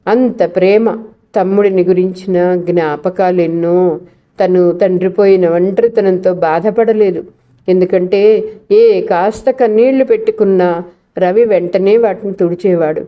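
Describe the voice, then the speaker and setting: A woman's voice: fairly low pitch, fairly even intonation, unhurried, highs cut off. Woman reading a novel aloud. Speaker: narrator.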